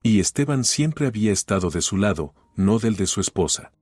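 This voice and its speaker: A man narrating a family drama in an even, steady audiobook story reading. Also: on the low side, a little fast, husky, no echo, studio quality, faint music behind.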